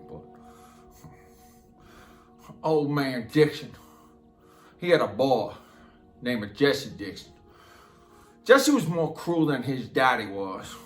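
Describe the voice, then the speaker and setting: Music plays beneath a roomy, echoing dramatic monologue in which an actor portrays a simple rural Southern man making a confession. His slow, matter-of-fact drawl is halting, plain and repetitive, delivered in a mid-range voice close to an everyday one.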